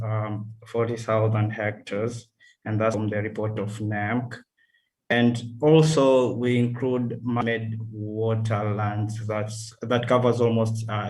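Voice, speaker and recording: A man from Tanzania, reporting to an online workshop over a video call, halting and full of fillers and self-corrections. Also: fairly low pitch, poor audio. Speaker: workshop participant.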